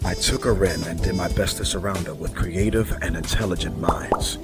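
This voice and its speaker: Reclusive genius mentor, played by a man: deep, solemn, grandiose, formal monologue, loud music underneath. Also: close to an everyday voice. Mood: solemn, lofty. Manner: grandiose, measured, formal diction. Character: solemn, lofty reclusive genius mentor recounting his life. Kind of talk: dramatic scripted monologue.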